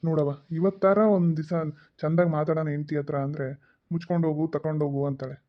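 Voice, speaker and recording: A henpecked cartoon village father with a slightly high voice, joking one moment and whining for respect the next, voiced by a man. The audio is a bit dull and lo-fi. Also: steady tone, fast, natural voice. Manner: joking, whiny, pleading. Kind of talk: cartoon voice acting.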